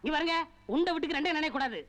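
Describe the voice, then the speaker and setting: A fawning, fast-talking relative. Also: male voice, very high-pitched, a bit bright. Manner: fawning, pleading, repeats the same address. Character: fawning scheming village relative, a father. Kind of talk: film comedy dialogue.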